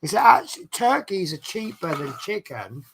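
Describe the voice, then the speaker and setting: Gravelly Norfolk man chatting casually. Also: high-pitched, sing-song, moderate pace, fairly bright tone. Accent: Norfolk English. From East Anglia, England. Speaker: livestream host doing a hobby build. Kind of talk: casual chat while working at a hobby.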